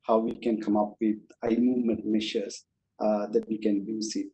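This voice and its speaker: A man introducing his research on a panel, halting and full of fillers. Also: on the low side, flat delivery, dark tone, poor audio. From Sri Lanka. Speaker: computer science professor.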